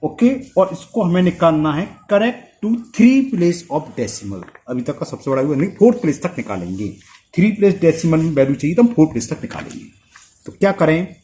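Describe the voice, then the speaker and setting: Male maths tutor, fairly high, lively voice, talks through each step of the sum. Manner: talks through sums aloud, checks himself, asks "clear?". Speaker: maths teacher.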